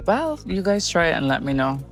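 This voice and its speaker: Woman, lowish voice, casual vlog chat, handheld phone mic, faint music behind. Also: big pitch swings, a little fast. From Barbados. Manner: chatty, asks viewers questions. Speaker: vlogger. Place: out and about in a city, car and shops.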